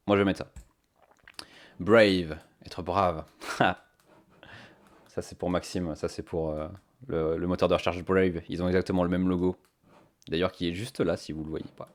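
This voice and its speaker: A man chatting casually to his stream viewers, thinking aloud with many fillers on a cheap microphone. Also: sits low. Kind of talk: casual live-stream chat.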